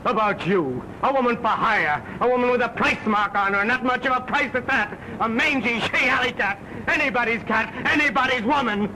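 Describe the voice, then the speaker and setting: Drunken, bitter young gent, high bright tense voice, early talkie. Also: male voice, normal speed, hardly any pauses, slight background noise, full character voice, rough recording. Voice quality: bitter and insulting. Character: drunken, jealous young gentleman in a rage. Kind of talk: early-1930s film acting.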